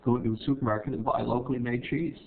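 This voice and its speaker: A man's voice: medium pitch, steady tone, rapid-fire, creaky. A man hosting a casual TV interview, asking friendly questions with frequent "uh" restarts. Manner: chatty, asks questions with many "uh" restarts. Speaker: TV show host interviewing a cheese maker. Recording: tinny, phone-like lo-fi sound.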